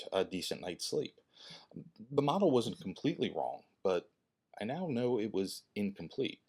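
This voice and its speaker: Guy in his 50s doing a personal vlog, low voice, earnest, stammers through restarts. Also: a little mellow. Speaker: fitness channel creator and host. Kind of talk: personal vlog talk to viewers.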